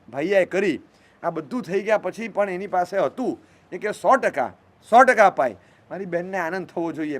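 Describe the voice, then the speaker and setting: High-voiced emphatic preacher man. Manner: emphatic, swings between loud stress and soft asides. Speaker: religious preacher. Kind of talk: sermon with storytelling.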